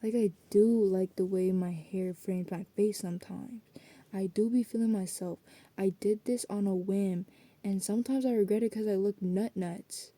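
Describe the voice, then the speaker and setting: A woman's voice: medium pitch, fairly even intonation, normal speed, warm tone, no room sound. A young adult woman rambling casually in a late-night vlog, swearing freely and drifting between thoughts. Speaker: student vlogger.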